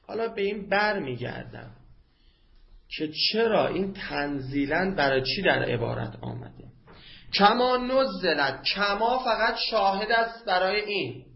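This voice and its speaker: A man teaching a seminary class on Arabic grammar. He draws quoted Arabic phrases out slowly and chants them, then talks quickly and casually to his students. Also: fairly high pitch, gravelly. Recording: dull lo-fi classroom recording with faint noise.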